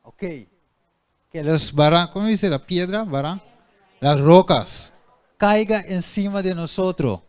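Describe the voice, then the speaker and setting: A man's voice: high-pitched, slow pace, clean tone. A male preacher giving a sermon who keeps asking the congregation questions and then answering them himself.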